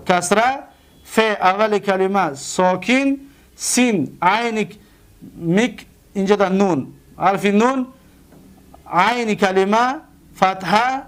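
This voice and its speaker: Teaching grammar in a Tajik accent, a man takes his time, repeating each word and spelling it letter by letter. He has a high-pitched voice.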